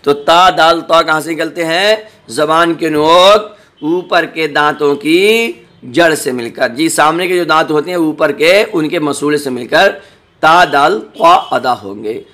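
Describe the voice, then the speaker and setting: A man teaching a Quran lesson online, slowly reciting and repeating each Arabic word, then explaining quickly and gently reassuring his learners with small jokes. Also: fairly high pitch.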